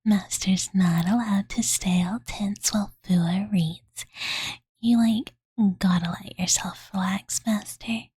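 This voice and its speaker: Here the same woman plays a playful, doting dragon girl in breathy ASMR whispers for a bedtime-story roleplay, her medium-pitched voice slow and fairly even. She talks in ditzy valley-girl filler and cutesy third-person phrasing, sounding soothing yet teasing, recorded dry and close on a Blue Yeti condenser.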